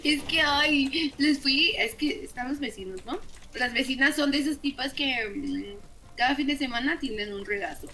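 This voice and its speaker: A woman's voice: high voice, moderate pace, crowd noise, rough recording. A young woman with a Mexican accent, chatting casually while gaming and telling stories with lots of profanity. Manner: profane, laughing, animated storytelling. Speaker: gamer. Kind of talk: casual gaming chat with storytelling.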